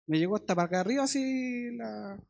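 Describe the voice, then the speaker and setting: This middle-aged Chilean man preaches a sermon in a chatty way, sprinkling in homely stories and quick questions for his listeners. His voice sits high, with vocal fry and a darkish tone.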